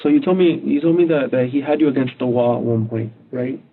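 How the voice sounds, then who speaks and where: A man questioning a witness as a police detective, calm and probing, recorded on a tinny line. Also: mid-range voice, a little fast, slight background noise. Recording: tinny phone-like interview recording.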